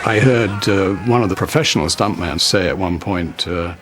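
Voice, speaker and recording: A man in an interview telling an amused, animated anecdote about extras. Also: deep voice, normal speed, slight background noise. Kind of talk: interview recollection.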